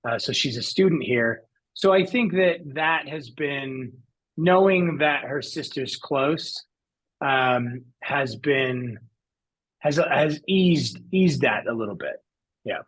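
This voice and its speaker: A man's voice: mid-range voice, lively intonation, slow, fairly bright tone, breathy edge, rough recording. A man as an interview guest, telling his own story in an earnest, reflective way. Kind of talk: conversational interview.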